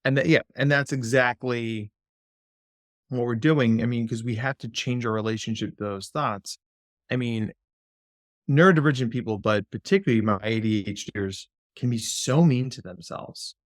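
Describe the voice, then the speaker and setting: A man, a clinical psychologist, talking as a guest in a podcast interview. He speaks in an animated, playful way and slips into silly voices. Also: medium pitch, moderate pace, dry recording, studio quality.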